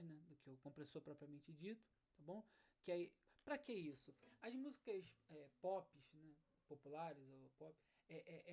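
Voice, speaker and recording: A woman's voice: fairly low pitch, a little mellow. A woman teaching an online music lesson, explaining step by step and checking in with her students. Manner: explanatory, checks in often with "né?" and "tá bom?". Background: faint acoustic guitar.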